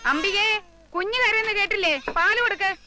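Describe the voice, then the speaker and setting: A woman's voice: high voice, expressive, fast. An actress playing a stern older mother who scolds her sons in a film drama, with music behind. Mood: urgent. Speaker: mother of the household.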